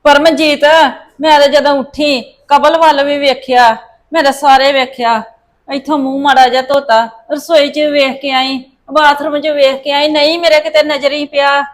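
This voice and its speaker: An older woman acts out a grandmother in a homemade family drama, high-pitched and lamenting. Her voice wails and frets, caught up in grief. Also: fairly even intonation, moderate pace, lightly acted. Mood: fretful. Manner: wailing, lamenting. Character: distraught grandmother whose grandson is missing. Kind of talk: amateur family drama acting.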